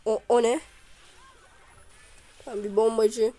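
A woman giving live commentary over her own gameplay, excitably cheering and scolding the units on screen. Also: fairly high pitch, takes it slowly, low-quality recording. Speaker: gamer.

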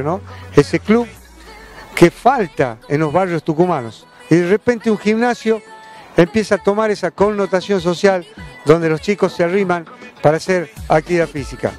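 A man's voice: high-pitched, a little mellow. A man in his forties with an Argentine accent, presenting a sports show outdoors, chatting straight to viewers with a handheld mic. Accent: Argentine Spanish. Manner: chatty, direct address to viewers. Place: outdoor park with trees. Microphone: handheld microphone.

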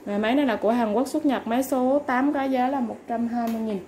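A woman seller giving a polite, informal product sales pitch, going item by item with repeated stock phrases. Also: quick pace, darkish tone. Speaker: online seller of used fishing reels. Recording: clearly noisy background ambience.

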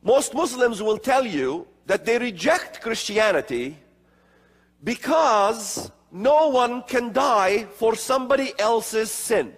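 Middle-aged male conference speaker from the Middle East, emphatic and slow, high register, long reverb of a large hall. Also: animated. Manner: slow emphatic delivery with gestures. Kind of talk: prophecy conference lecture. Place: large hall with seated audience.

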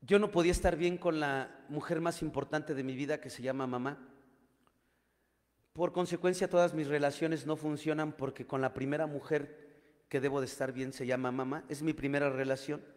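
A man's voice: a little high, fairly even intonation, moderate pace, darkish tone, big-room sound. A man with a Mexican accent sharing his recovery testimony with his group, using crude slang and calling his listeners compañeros.

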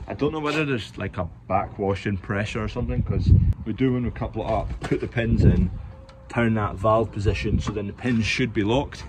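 A man's voice: sits low, highs cut off. A man in his twenties with a Scottish accent chatting casually as a farmer vlogger, matter-of-fact and unfussed. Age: 20s. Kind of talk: casual vlog chat. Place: in a car and around a farmyard. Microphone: phone at arm's length. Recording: noisy phone audio with vehicle and outdoor noise.

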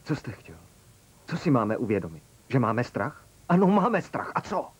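A man's voice: medium pitch, sing-song, husky. A man dubbing a defiant young husband and father in a drama. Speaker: dubbing actor. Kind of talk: dubbed telenovela acting.

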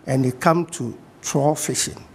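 A middle-aged man with a Ghanaian accent, a guest from the fishing industry in a TV studio interview, speaking in a measured way and repeating his key points. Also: mid-range voice, gravelly, darkish tone, big-room sound, slight background noise.

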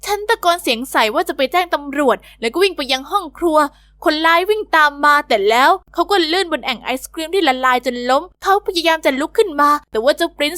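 Storybook narrator: woman, high and bubbly teen-girl delivery, dry close studio voice-over. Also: fairly bright tone, dry recording. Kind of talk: scripted first-person story narration.

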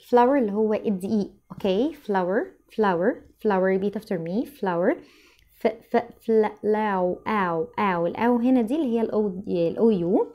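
Quick-talking Egyptian Arabic woman teacher. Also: on the high side, dull audio. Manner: drills words slowly syllable by syllable, quick explanations. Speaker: English teacher. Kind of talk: recorded English vocabulary lesson.

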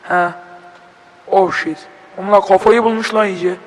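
Young male gameplay host, Turkish accent, high-pitched, joking and cursing, reverb-heavy recording. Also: steady tone, measured pace. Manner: swearing, joking, bursts of panicked shouting. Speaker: gaming video host. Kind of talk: horror game let's play commentary.

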